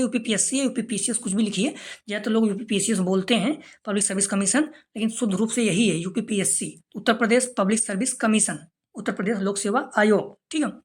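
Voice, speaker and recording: A woman teaching an exam-prep lesson, reading out figures one after another in a steady way and checking in with her listeners again and again, sometimes dropping to a near whisper on a brief aside. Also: mid-range voice. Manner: steady listing of figures, frequent "theek hai" check-ins. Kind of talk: informal explainer lecture.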